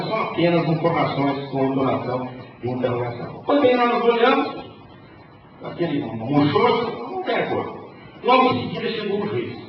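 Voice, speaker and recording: A man with a Brazilian Portuguese accent giving a conference lecture as a panelist, telling wry stories in a lively way. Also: high-pitched. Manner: lively storytelling, wry humour. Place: large conference hall. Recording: echoey hall, distant dull mic, noisy.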